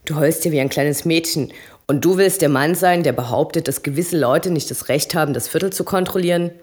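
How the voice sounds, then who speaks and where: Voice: medium pitch, a little fast, breathy edge, close to an everyday voice. A reader voicing a brutal, hulking man who taunts and bellows at a younger rival in a bar. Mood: sneering.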